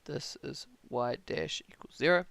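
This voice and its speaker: Casual New Zealand maths tutor, gravelly. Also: male voice, mid-range voice, animated, a little slow, a bit bright. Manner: casual, thinks aloud, answers chat questions. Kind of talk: live-streamed maths tutorial.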